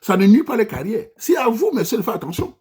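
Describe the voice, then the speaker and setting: This vlogger from Cameroon addresses his diaspora followers in an impassioned monologue, preaching at them and urging them on. His voice is high, husky and a little mellow, very animated and quick, with a Cameroonian French accent.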